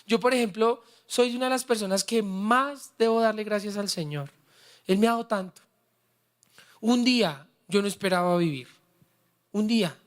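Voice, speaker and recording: Fervent pastor preaching. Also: male voice, high voice, normal speed. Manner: fervent, prompts the congregation to repeat words; personal and heartfelt storytelling. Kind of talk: sermon.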